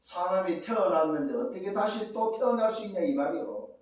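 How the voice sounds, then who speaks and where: A male pastor preaching a sermon, asking rhetorical questions, repeating his points and rising to shouts at the climaxes. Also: high voice, expressive, brisk. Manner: rhetorical questions and emphatic repetition. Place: church sanctuary. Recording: very echoey church sanctuary, distant mic.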